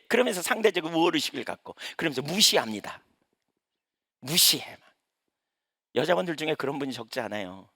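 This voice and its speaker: Gravelly, lively Korean pastor preaching. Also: male voice, medium pitch, no room sound, clean studio sound. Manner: conversational preaching with rhetorical questions. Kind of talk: sermon.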